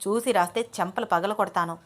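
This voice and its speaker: A woman's voice: medium pitch, fairly quick, close to an everyday voice. A woman voicing a stern young male lecturer who scolds his wife firmly. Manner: scolding, firm.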